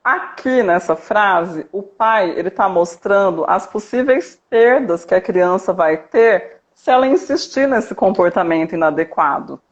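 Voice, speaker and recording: A woman with a mid-range voice talks a parent through a situation step by step, calm and didactic, often checking in with a short question. The sound is dull and lo-fi, as from a live stream call. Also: mid-range voice, measured pace, hardly any pauses. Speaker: family coach and educator. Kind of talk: explaining in a live video chat.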